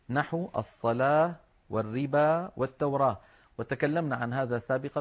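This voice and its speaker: A man teaching Quran recitation rules, patiently explaining step by step and slowing down to demonstrate words. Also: medium pitch. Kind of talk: explanatory religious lesson. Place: online class with shared screen. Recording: slightly dull lo-fi sound.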